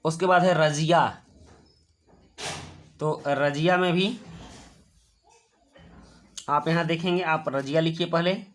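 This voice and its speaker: A male teacher with a slightly high voice walks children through a worksheet. He explains patiently, step by step, repeating each word slowly so it sinks in. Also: fairly even intonation, a bit bright.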